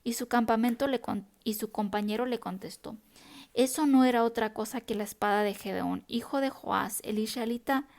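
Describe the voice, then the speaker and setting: A woman reading a Bible passage aloud in a steady, unhurried devotional style, now and then correcting herself. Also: fairly high pitch, creaky. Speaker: Bible reader.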